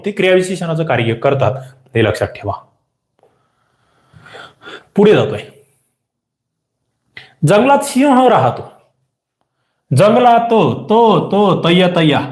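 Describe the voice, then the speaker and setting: A man teaching a live online exam-prep grammar class, quizzing viewers, repeating questions and pushing for quick answers. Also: medium pitch, reverberant.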